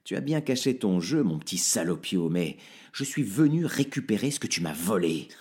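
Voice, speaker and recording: Un homme joue un voisin bourru et soupçonneux, d'âge mûr, qui menace d'un ton rude. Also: male voice, on the low side, sing-song, normal speed, a little mellow. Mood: angry. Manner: gruff, threatening. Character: grumpy suspicious middle-aged father with gun.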